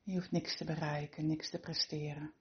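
A woman leading a guided relaxation meditation with soothing, unhurried instructions and gentle encouragement. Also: sits low, little pitch movement, dull audio.

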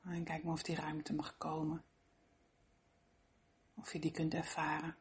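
A soft, breathy voice guiding a body-scan meditation, speaking gently and slowly with long pauses. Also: mid-range voice, monotone. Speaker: meditation guide.

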